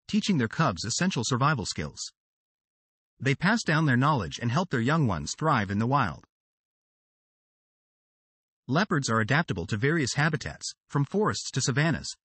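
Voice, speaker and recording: A man narrates a nature documentary script with dramatic, sweeping delivery, his husky voice rising and falling in a lively way. He keeps a moderate pace, and the recording is dry and close with no echo or room sound.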